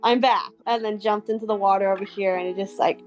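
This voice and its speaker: A woman's voice: mid-range voice, steady tone, fast, soft background music. A young woman from Hawaii, a surfer and interview guest, talking earnestly in a casual, reflective way, with lots of "like" fillers. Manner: earnest, heavy use of "like" fillers.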